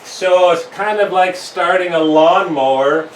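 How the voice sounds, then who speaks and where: A male fitness instructor walks through a workout in slow, careful steps, a little winded between sets. His voice sits a bit high for a man. The sound comes from a camera mic some distance away in an echoey room. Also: slight background noise. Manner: slow, step-by-step explaining. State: slightly winded.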